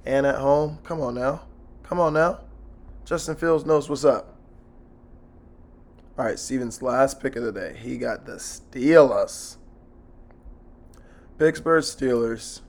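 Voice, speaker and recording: A hoarse man hosting a casual sports betting podcast by himself, talking in a blunt, slangy, sweary way. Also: medium pitch, takes it slowly, long pauses.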